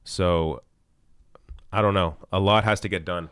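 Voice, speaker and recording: A deep-voiced man hosts a live stream, reading super chat questions and thinking aloud with ums and restarts while losing his voice and clearing his throat. He speaks a little slowly, steady, fairly bright, clear and resonant, in clean studio sound without room echo.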